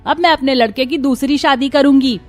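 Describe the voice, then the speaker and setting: A woman's voice: sits high, a little fast, darkish tone, lightly acted. A woman voicing a harsh scolding mother-in-law. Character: cruel shrill mother-in-law, middle-aged, scolding. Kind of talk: cartoon voice acting. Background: faint music.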